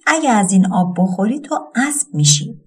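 A woman's voice: mid-range voice, lively intonation, a little mellow, slightly rough. A woman voicing a young girl in a folk tale who anxiously warns and pleads with her brother. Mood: warning.

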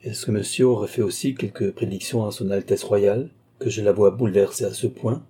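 A man's voice: on the low side, a little fast, warm tone, breathy edge. A man voicing a haughty, lofty older cardinal in a classic novel reading. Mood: composed.

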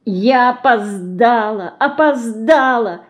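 A woman's voice: fairly high pitch, expressive, moderate pace, a little mellow, pitched above the performer's own voice, lightly acted. A woman voicing an earnest, stubborn young girl who pleads and insists, in an audiobook. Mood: despairing. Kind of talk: audiobook character reading.

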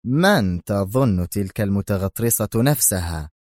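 A man's voice: lowish voice, lively intonation, no echo, clean studio sound. A man voicing a raging mafia boss. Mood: stern. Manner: shouting, slow and heavy. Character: furious Italian mafia boss, older man. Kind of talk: audiobook character voice.

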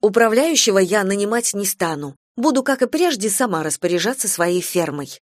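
A woman's voice: mid-range voice, expressive, moderate pace, no room sound, studio quality, natural voice. A woman doing a proud, fiery young farm mistress. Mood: indignant. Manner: heated, insistent.

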